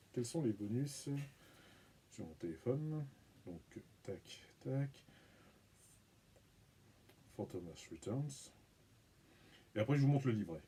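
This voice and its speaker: A man hosting his own channel, talking through an unboxing in a relaxed, rambling, self-mocking way, humming and muttering as he handles things. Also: mid-range voice, slight background noise. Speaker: video channel host. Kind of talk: casual unboxing commentary.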